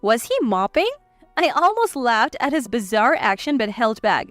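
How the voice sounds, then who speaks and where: High lively woman narrating a story. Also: normal speed, dry recording. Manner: cool, blunt, scornful. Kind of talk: scripted first-person story narration. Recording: dry voice with faint music.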